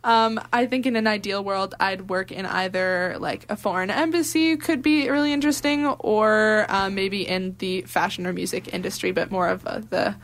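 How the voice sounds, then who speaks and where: A young woman business student, a guest on a student radio show, talking in a relaxed, hesitant way with easy laughter. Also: medium pitch, normal speed, hardly any pauses. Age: young adult. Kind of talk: casual interview chat.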